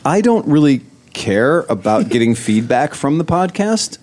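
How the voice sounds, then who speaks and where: A man's voice: mid-range voice, a little slow. A man from Cleveland, hosting a casual group podcast and telling stories with lots of swearing and laughter. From Cleveland, Ohio. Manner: animated storyteller, swears and laughs often. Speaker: podcast host.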